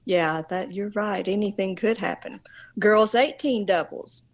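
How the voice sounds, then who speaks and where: A woman co-hosting a casual podcast, friendly and quick with comebacks. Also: medium pitch. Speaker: podcast co-host.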